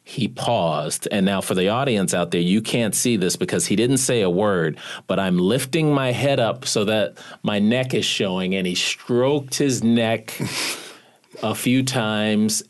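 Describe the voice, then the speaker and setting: A man telling a personal story in an interview, now and then quoting his father's words. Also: fairly low pitch. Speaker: guest recalling his recruitment.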